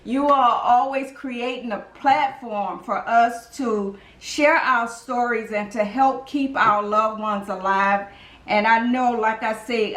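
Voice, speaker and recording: A woman's voice: on the high side, a bit bright. A woman speaking earnestly and emotionally on a video call, often repeating herself as she gives thanks. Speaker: donor mother and speaker. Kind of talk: heartfelt testimony on a video call. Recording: echoey room.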